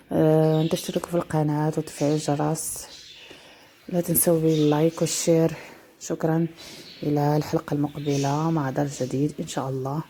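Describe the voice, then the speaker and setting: A woman teaches vocabulary slowly, repeating each word several times. Her voice is low and mellow. A faint hiss of background noise sits under the recording. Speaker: dialect teacher. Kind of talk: slow vocabulary lesson with repetition.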